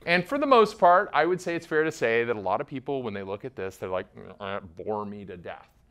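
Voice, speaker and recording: A man giving a theatrical conference talk on stage, animated and acting out verse rhythms for an audience. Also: mid-range voice, a little fast, clean tone. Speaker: conference speaker.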